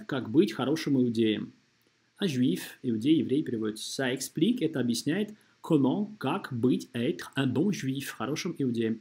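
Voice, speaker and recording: A French lesson voiced over a screen recording comes from a man whose mid-range voice is a little mellow. He teaches methodically, carefully modelling how words sound by pulling phrases apart syllable by syllable.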